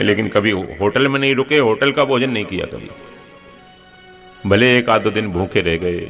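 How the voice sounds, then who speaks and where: Low-voiced man preaching with homely humor. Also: vocal fry, a bit bright. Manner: homely, anecdotal, with humorous asides. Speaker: religious preacher. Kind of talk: devotional sermon storytelling.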